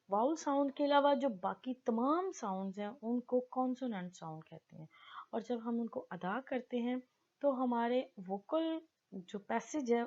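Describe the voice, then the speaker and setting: A woman teaching basic grammar, explaining in Hindi-Urdu and slowly reading definitions aloud. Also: fairly high pitch, a little mellow, highs cut off. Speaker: English teacher.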